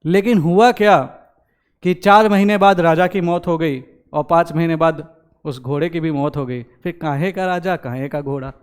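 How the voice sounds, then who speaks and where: Animated young man telling a story. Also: fairly high pitch, normal speed, smooth. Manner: animated, acts out quoted characters. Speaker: exam-prep educator. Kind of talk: motivational talk with storytelling.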